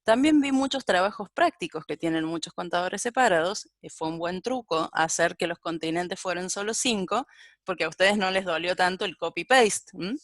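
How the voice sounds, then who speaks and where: A programming teacher with a lowish voice gives a live-coding lecture at normal speed, recorded clean in a studio with no room sound. She thinks aloud while typing and corrects herself as she goes.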